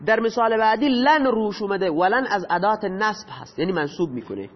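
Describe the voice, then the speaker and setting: A man's voice: sits high, lively intonation, a little hiss or hum. A man teaching a grammar lesson, patiently explaining and asking his students questions that he then answers himself. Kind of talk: lecture explaining Arabic grammar. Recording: dull lo-fi audio with long reverb.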